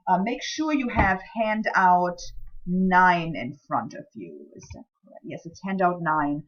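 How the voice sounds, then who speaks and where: Unhurried and animated, a woman with a lowish voice lectures on scientific writing in a casual, recorded talk with plenty of ums and self-deprecating asides; German is her first language. The highs in the audio are cut off.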